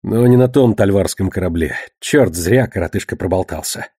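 A man narrating an audiobook in a steady, even reading. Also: low-pitched, normal speed, slightly rough, dry recording, studio quality.

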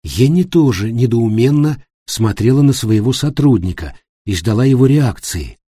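A man narrating an audiobook in a calm, even reading voice. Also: medium pitch, normal speed, breathy edge, dry recording, clean studio sound. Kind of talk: scripted narration.

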